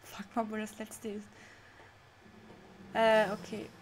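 A woman's voice: medium pitch, monotone, slow pace, slight background noise. A young woman streaming a game live, chatting with her chat, laughing often and getting confused. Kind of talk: live let's play with chat reading. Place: home room.

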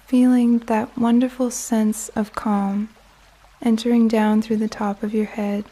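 Calm and unhurried, this female meditation guide speaks softly for sleep, her voice mellow though a touch high. She lets long pauses settle between phrases, over a backdrop of gentle music and running water.

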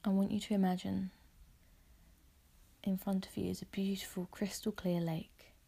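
The guide of this visualisation meditation is a woman whose medium-pitched voice is breathy, husky and soft. She paces her soothing phrases carefully and speaks with quiet calm.

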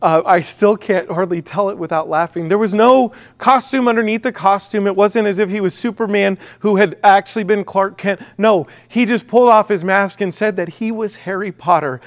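A man's voice: sits high, normal speed. A middle-aged man with an American Midwest accent, a pastor giving a sermon in a conversational way, full of fillers and restarts.

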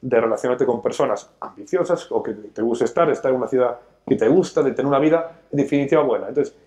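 A show host in his 30s who educates people about money lectures forcefully from a sofa in a talk show studio, his hands moving a lot as he talks. His mid-range voice is quick and darkish.

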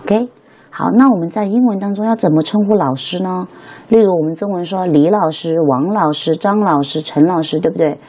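Young woman, chatty teacher, low and husky, lo-fi recording. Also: a little fast, mellow. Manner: chatty, keeps checking with listeners. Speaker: English teacher. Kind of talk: casual spoken lesson.

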